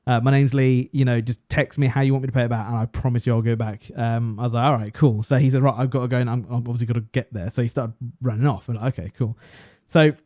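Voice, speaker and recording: A man's voice: mid-range voice, fairly even intonation, quick pace, few pauses, a little mellow, dry recording, clean studio sound. A young English man casually telling a story on a podcast and acting out both sides of the conversation. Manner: chatty, self-deprecating, acts out both sides of a conversation. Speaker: podcast co-host.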